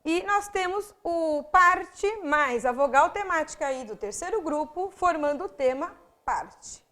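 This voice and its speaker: A woman's voice: sits high, lively intonation, a little slow, a bit bright. A woman with a Brazilian accent, teaching a grammar video lesson for exam candidates, explaining step by step to the viewer with frequent asides. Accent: Brazilian Portuguese.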